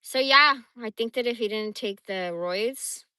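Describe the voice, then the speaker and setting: A woman's voice: a little high, a little slow, bright, forceful tone, smooth, dry recording. A woman from the Bay Area telling rambling personal stories on a casual livestream, blunt and profane. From San Francisco Bay Area. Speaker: livestream host.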